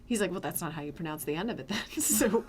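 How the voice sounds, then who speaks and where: A woman hosting a casual chat in an animated, teasing way, her S sounds coming out with a whistle. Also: lowish voice, quick pace, a crowd in the background. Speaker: host.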